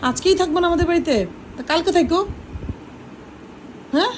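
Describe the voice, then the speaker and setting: High-voiced Bangladeshi mother, playfully exclaiming. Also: a little fast, slight background noise. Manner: teasing, exclamatory mock dismay. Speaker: mother talking with her small child. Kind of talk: casual family chat.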